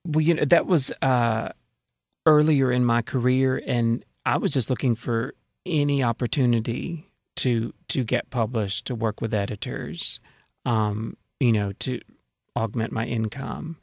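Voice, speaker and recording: Gravelly-voiced man, author in interview. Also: medium pitch, measured pace, dry recording, studio quality. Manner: explanatory, peppers talk with "you know". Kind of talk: casual conversational public radio interview.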